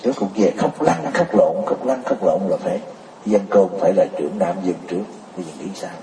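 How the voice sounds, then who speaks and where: A man's voice: low voice, sing-song, a little fast, creaky, crowd noise. A man giving a Buddhist sermon, pressing his listeners with rhetorical questions and often laughing as he talks. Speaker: Buddhist teacher. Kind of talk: sermon to a congregation. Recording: roomy, distant mic.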